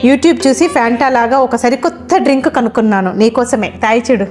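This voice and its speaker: A woman's voice: a little high, expressive, fast, darkish tone. A woman acting as the wife in scripted comedy skits, talking in a pleading, playful way. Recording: echoey room with music behind.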